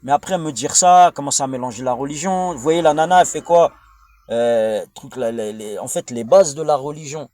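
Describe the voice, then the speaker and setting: Mid-range and a little mellow, the man's voice moves slightly fast. He's a French vlogger with a French accent and an adult father of a young child, delivering a blunt, crude, slang-heavy informal monologue that rambles, wanders off topic, and repeats itself.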